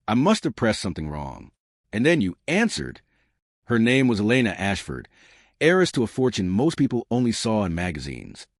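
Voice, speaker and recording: A man tells an emotional story in a scripted, dramatic way. His voice sits low, yet it rises and falls with feeling. It is recorded dry and close, with no room around it. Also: no echo. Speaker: story channel narrator.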